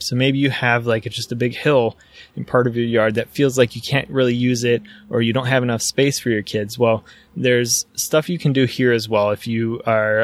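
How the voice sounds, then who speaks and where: A man's voice: mid-range voice, no room sound. Man, podcast host, eager rambling talk, dry close sound. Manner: enthusiastic, rambling with fillers. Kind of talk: casual solo podcast talk.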